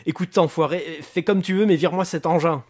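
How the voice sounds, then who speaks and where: A man voicing a loud, foul-mouthed, panicky male gangster in an audiobook reading, shouting and swearing. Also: sits high, fairly even intonation, a little fast, pitched above the performer's own voice. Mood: furious.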